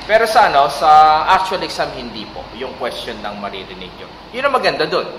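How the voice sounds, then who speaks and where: A man's voice: fairly high pitch, very animated, fairly quick, a bit bright. A man teaching a casual exam-prep language lesson, sounding tired and tagging his sentences with "no?" while mixing in English. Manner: talks with a tag "no?", mixing English. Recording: echoey room with light hiss.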